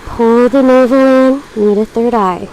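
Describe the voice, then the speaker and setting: Female yoga teacher, high voice, guiding a class with reassuring, measured instruction over light background noise. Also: a little mellow, rough recording. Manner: encouraging, reassuring, measured cueing.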